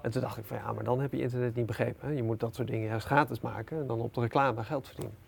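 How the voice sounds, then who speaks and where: A middle-aged man with a gravelly, fry-tinged voice, chatting as an interview guest. He tells business anecdotes with lots of fillers and hesitations. A faint hiss sits under the recording. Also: mid-range voice, very fast. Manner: animated anecdotes, many fillers. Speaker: entrepreneur guest. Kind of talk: casual storytelling interview.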